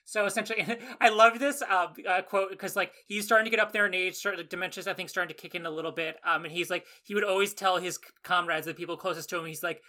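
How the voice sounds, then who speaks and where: A man's voice: high voice, fairly even intonation, fast, few pauses, sharp tone. A man co-hosting a casual history podcast, telling the story loosely with many fillers. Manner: rambling, filler-heavy storytelling. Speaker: podcast co-host.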